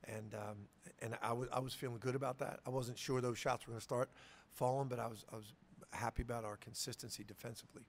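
This middle-aged head coach sits at a table mic in a press conference room with a sponsor backdrop, casually responding to post-game questions. His mid-range voice is quick and fairly even in intonation. He frequently restarts sentences, repeating words each time he starts one.

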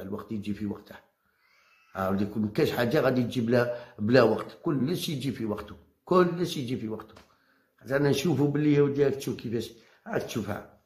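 A man's voice: mid-range voice, echoey room. A man with an Algerian Arabic accent giving a heated monologue to his viewers, combative and repeating his phrases to challenge listeners. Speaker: football commentator vlogger.

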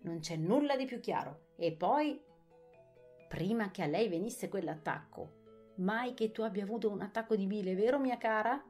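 A woman's voice: medium pitch, normal speed, darkish tone, soft background music, lightly acted. A woman reading an audiobook, voicing a fussy, self-satisfied king. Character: fussy pompous King of Hearts, fictional storybook king.

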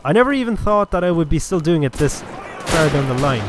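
An Irish-accented gaming host from Cork chats through a casual first-person shooter walkthrough, now and then letting a swear word slip. His voice is a little high, expressive and fairly quick, with slight background noise from game music and gunfire.

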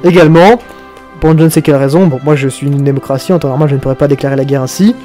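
Young male tutorial host, chatty and profane, slightly high and mellow, faint music under him. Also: very fast. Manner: chatty, swears, mock-dramatic outbursts. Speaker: video game tutorial host. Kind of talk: casual screen-recorded game tutorial.

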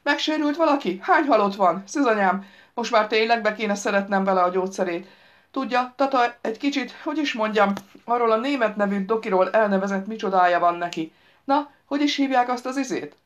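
A woman reading an audiobook, voicing a loud, bossy middle-aged daughter who scolds and rambles over the phone. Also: on the high side, animated, lo-fi sound, pitched above the performer's own voice, close to an everyday voice. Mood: shrill scolding.

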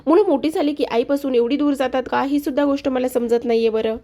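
A woman's voice: sits high, fast, dark tone, voice pushed up, close to an everyday voice. Woman playing a teasing chatty mother. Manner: playful, coaxing, chattering. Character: teasing talkative middle-aged mother.

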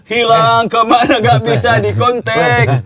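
A man's voice: extremely high pitch, level tone, slow pace, over loud music. A man in casual chat-show banter, laughing as he tells jokes in slangy talk.

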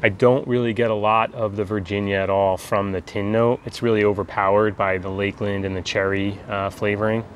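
An American man in his forties chatting casually outdoors in an easygoing, halting way, like a reviewer talking to camera. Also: on the low side, little pitch movement, lo-fi sound. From United States. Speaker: pipe tobacco reviewer. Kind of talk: casual video chat. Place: outdoors in a backyard garden. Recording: outdoor ambient background noise.

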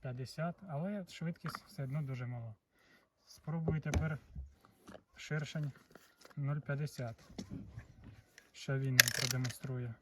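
A man with a Ukrainian accent talks his way through testing an air pistol, matter-of-fact and steady at a middling pitch. He is picked up from a distance, with a clearly noisy background and sharp clicks around him. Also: unhurried, pauses often. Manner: matter-of-fact, reads out chronograph numbers. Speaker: airgun vlogger. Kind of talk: casual hands-on testing talk.

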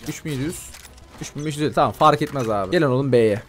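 A man giving live gameplay commentary as a gaming YouTuber, excitable and slangy, ranting at opponents and talking straight to his viewers. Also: medium pitch, very fast, soft background music. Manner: excitable, rants and banters at opponents.

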